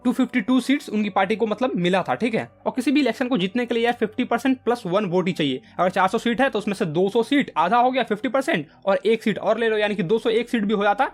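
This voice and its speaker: A man's voice: high-pitched, fast talker, hardly any pauses. A male teacher from India, explaining a book chapter to students in a casual, chatty way and checking in often with them. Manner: chatty, keeps saying "yaar" and "theek hai".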